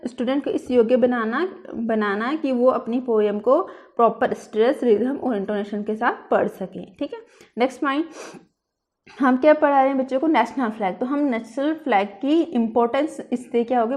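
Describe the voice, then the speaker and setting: A woman with a fairly high voice lectures like a teacher in a classroom. She explains each point step by step. She reads English phrases slowly in an Indian English accent, then restates them in plainer words. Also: a little mellow. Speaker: teacher explaining a lesson plan.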